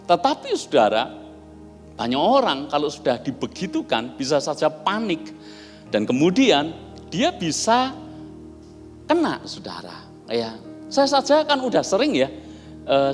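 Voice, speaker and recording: Animated pastor man. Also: mid-range voice. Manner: chatty, animated, acts out dialogue. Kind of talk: sermon with storytelling. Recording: long reverb, soft music behind.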